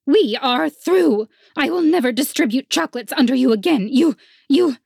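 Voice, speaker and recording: A woman's voice: fairly high pitch, lively intonation, moderate pace, vocal fry, a little mellow, slightly rough, no room sound, studio quality, voice pushed up, heavily acted. A woman voicing a proud, indignant winged female chocolatier who speaks sharply.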